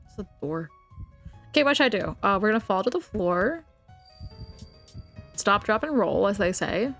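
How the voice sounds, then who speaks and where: A woman's voice: mid-range voice, lively intonation, moderate pace, fairly bright tone, soft background music. A young woman streaming a game, chatting playfully and reading the dialogue aloud. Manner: chatty, playful, reads dialogue with small voices. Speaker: VTuber streamer.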